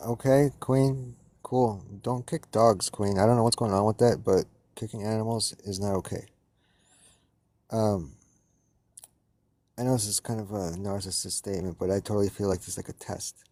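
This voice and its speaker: A man's voice: fairly low pitch, fairly even intonation, normal speed, warm tone, no echo. A man on a live-stream debate panel, swearing and holding back his anger. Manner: swearing, barely restrained anger. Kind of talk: heated live-stream argument.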